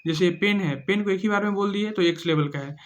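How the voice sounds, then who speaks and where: Guy with a fairly high voice teaching a training class, reads english headings slow then explains in hindi, keeps asking ok?. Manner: explains with simple examples, keeps checking "ठीक है ना". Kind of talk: casual exam-prep lecture.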